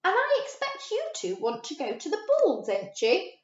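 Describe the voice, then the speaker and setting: A woman's voice: very high-pitched, wildly swooping pitch, moderate pace, heavy background noise, voice pushed up, exaggerated voice. A woman voicing a prim, stern female fairy godmother in a storybook. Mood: kindly. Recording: roomy, slightly dull recording.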